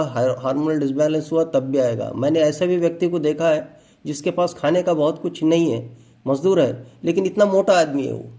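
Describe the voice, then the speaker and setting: A man's voice: a little high, dark tone. A man giving a motivational health talk, explaining with everyday examples and asides.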